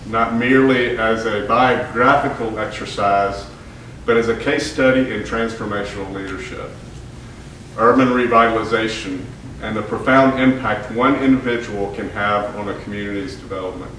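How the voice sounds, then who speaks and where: A man lectures to an audience at a mid-range pitch, his voice carrying through a very echoey hall from a distance. He starts out halting, full of fillers and restarts, then settles into reading prepared remarks. A faint hiss sits under the room sound. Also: fairly bright tone. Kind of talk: public history lecture.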